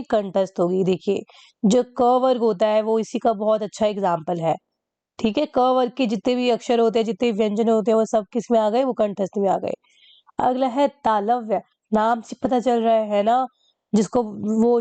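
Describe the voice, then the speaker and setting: A woman's voice: mid-range voice, mellow, no room sound, dull audio. A woman teacher patiently explaining a lesson, repeating key points and asking rhetorical questions.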